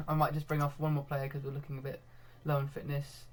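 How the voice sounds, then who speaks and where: A young man commentating live on his own football management game, getting excitable when goals come and laughing at himself. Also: a little high, a little fast. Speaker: gaming video host.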